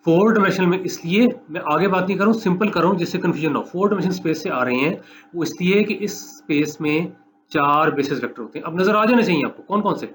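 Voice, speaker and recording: A man giving a recorded mathematics lecture, walking students through each step, repeating points and dictating slowly for notes. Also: high voice, fairly bright tone, a little hiss or hum. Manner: explanatory, repeats steps, dictates slowly for note-taking. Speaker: math lecturer.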